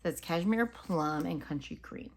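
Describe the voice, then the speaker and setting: A woman's voice: lowish voice, lively intonation, unhurried, a little hiss or hum. A woman casually reviewing wax melts, chatting and musing aloud as she describes each scent. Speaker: home fragrance reviewer. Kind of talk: casual unscripted product review.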